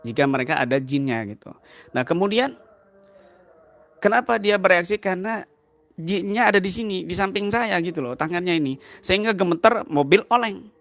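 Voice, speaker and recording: A man, an Islamic teacher, giving a sermon as a lively story and acting out the dialogue. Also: high-pitched, a little fast. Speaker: kiai, Islamic teacher and healer.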